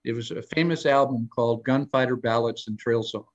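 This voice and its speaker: A man's voice: mid-range voice, a little fast, lo-fi sound. Older male guest, chatty storyteller, meandering delivery, pops up for quoted bits. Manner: rambling anecdotal storytelling with many restarts; acts out quoted lines in a raised voice. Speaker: guest storyteller on a live show. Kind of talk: casual live interview chat.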